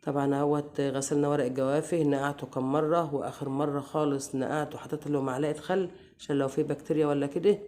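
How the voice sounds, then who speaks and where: An Egyptian woman, hoarse from a cold, hosting a casual home remedy tutorial and chatting affectionately to her viewers. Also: low voice, fairly even intonation, quick pace. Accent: Egyptian Arabic. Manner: warm, chatty, addresses viewers as dear sisters. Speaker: home cooking channel host.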